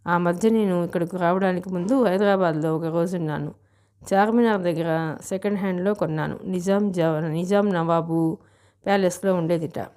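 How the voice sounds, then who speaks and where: Storybook voice: boastful rich girl, breezy, low and mellow as a woman narrator reads her. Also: steady tone, moderate pace, close to an everyday voice. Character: rich, showy young woman.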